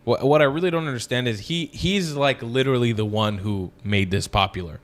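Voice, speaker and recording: A man's voice: medium pitch, brisk. A man with a slight, wet lisp from wearing braces, talking bluntly and profanely in a casual political discussion.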